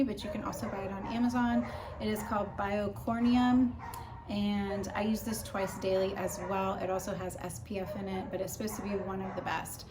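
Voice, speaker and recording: A woman vlogger chatting casually and informally as she explains practical tips. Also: mid-range voice. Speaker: vlogger giving a personal recovery update. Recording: clear background noise.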